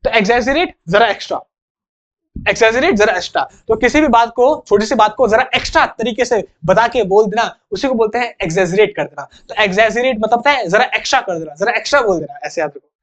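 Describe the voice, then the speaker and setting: A man's voice: high voice, fast. A young man teaching an English vocabulary lesson in a chatty, joking way, acting out little examples.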